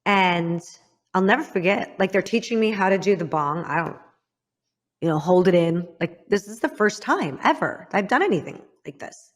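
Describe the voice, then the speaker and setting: A woman from the US Midwest, a podcast host telling a painful personal story to a guest in a candid, halting way, her voice sinking low and soft at hard moments. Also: animated.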